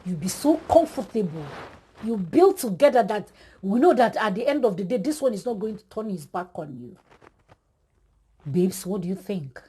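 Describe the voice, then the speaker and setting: A woman preaches an emphatic exhortation, speaking straight to her listeners and repeating her points for weight. Her voice is mellow and warm, with a husky edge. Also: medium pitch, sing-song, moderate pace.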